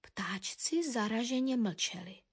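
A woman narrating a children's animal story with a lively, expressive reading. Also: breathy edge. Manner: lively expressive reading, dropping low for asides.

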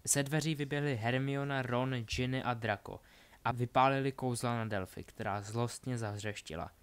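Brief: male storyteller, steady plain narration, mid pitch. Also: clear, resonant tone. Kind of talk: reading a story aloud.

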